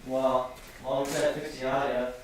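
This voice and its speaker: Casual male streamer in a garage, heavy doubled echo and a faint hiss, speaking in an even, level tone. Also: fairly quick. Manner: rambling, self-correcting, apologetic about the audio. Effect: heavy doubled echo from two microphones at once. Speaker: live streamer with a repair channel. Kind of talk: casual live stream chat. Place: home garage. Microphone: desktop USB condenser mic plus camera mic. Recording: booming echo, distant mic, faint noise.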